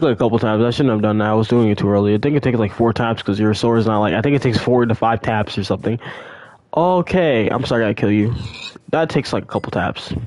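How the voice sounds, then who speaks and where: Young guy rambling over his game, gets excited a lot, dry close sound, middle pitch. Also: dry recording. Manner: excitable, rambling, repeats exclamations. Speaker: gaming channel host. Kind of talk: casual gameplay commentary.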